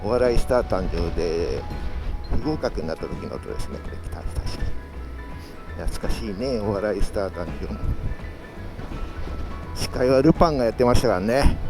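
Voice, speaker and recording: A man's voice: lowish voice, animated, moderate pace, long pauses, over music, poor audio. A man chatting casually as a solo motovlogger, talking from inside a full-face motorcycle helmet into an action-camera mic. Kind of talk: casual solo vlog chat while riding. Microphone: action camera with external mic adapter.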